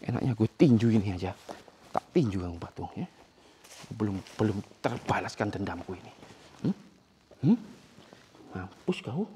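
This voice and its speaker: A man's voice: lowish voice, very animated, normal speed, long pauses, warm tone, a little hiss or hum. A man, filming a ghost-hunting vlog in an abandoned village, angrily taunting and swearing at the spirits. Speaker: paranormal explorer vlogger.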